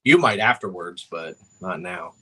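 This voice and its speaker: A man co-hosting a casual talk show, joking with quick quips. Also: low voice, expressive, pushed and bright, breathy edge. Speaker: co-host. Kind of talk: casual chat.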